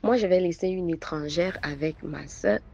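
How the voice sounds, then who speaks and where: A woman's voice: on the low side, moderate pace, vocal fry, mellow, a little hiss or hum. A woman telling a first-person story, hesitant with stammering repetitions. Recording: dull lo-fi recording.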